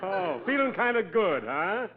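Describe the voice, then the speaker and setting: Affable high-voiced 1940s radio beat cop. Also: male voice, big pitch swings, measured pace, heavy background noise. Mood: affable, unruffled. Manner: folksy, repeats himself. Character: affable, gullible beat cop, easily delighted. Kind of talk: 1940s radio comedy acting. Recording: tinny old radio, loud studio audience.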